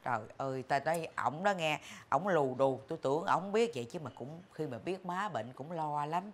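A woman's voice: low voice, normal speed. An actress playing a chatty, boastful elderly mother in her sixties, with a Southern Vietnamese accent and frequent exclamations. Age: 60s. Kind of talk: sitcom acting.

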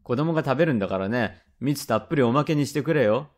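A man voicing a rough, quick-tempered father from old Edo, speaking blunt old Edo Tokyo speech in a rakugo tale. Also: medium pitch, expressive, lightly acted. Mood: irritated. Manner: gruff, blunt, grumbling. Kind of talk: rakugo storytelling.

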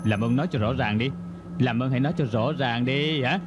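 A man dubbing a brash police detective who talks loudly and impatiently in a casual way, for a film. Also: mid-range voice, fairly quick, over music, natural voice. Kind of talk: Vietnamese film dub.

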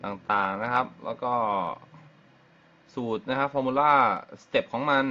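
A man's voice: mid-range voice, fairly bright tone. Chatty man teaching guitar scales. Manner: chatty, explains step by step, counts scale degrees aloud. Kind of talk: casual live-stream guitar lesson. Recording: slightly dull live-stream audio with guitar music. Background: guitar playing and backing track.

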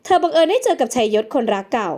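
A woman narrating a storybook drama in an even, plain storytelling manner. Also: sits high, very fast.

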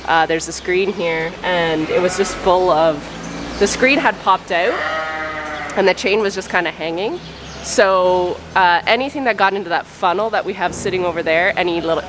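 Chatty woman farmer in a noisy barn. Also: on the low side. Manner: chatty, thinks aloud with restarts. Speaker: sheep farmer vlogger. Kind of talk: casual vlog chat. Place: large covered sheep barn. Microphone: camera at arm's length. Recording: barn noise behind.

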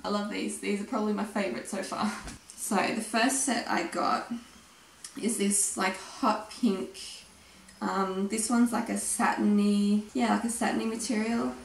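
Young australian woman, gravelly voice, losing her voice, chatty, echoey room. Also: mid-range voice, fairly even intonation, unhurried, slight background noise. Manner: chatty, gushing, says "like" and "literally" a lot. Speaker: vlogger. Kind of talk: casual try-on haul chat.

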